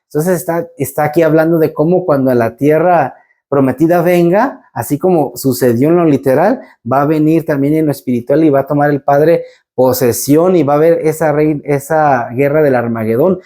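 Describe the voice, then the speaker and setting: A man's voice: on the high side, normal speed, mellow. A man teaching a Bible portion, telling the story with animation and acting out what the people in it said.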